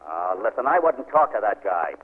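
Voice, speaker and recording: A man's voice: lowish voice, very animated, moderate pace, slightly rough. An actor playing a cocky, boastful male Marine sergeant in an old-time radio comedy. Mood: blustering. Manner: boastful, exclamatory. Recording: narrow, tinny old radio recording.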